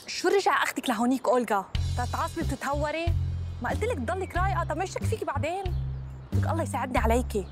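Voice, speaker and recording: A woman's voice: high voice, lively intonation, racing, music in the background. A woman in a dubbed TV drama, scolding in an exasperated way.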